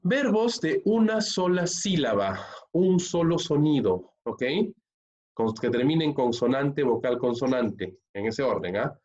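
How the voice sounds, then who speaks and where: A man teaching an English grammar lesson, explaining step by step and often checking with "¿ok?" or "¿no?". He slows down and stresses the key words. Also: medium pitch, big pitch swings, a little mellow. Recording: dull lo-fi recording.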